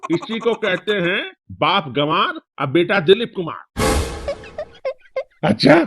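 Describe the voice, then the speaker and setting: Man voicing a cartoon village teaser, high voice, mocking banter, music bed. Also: animated, slow pace, gravelly, exaggerated voice. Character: teasing village friend gossiping by fire. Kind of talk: cartoon comedy voice acting.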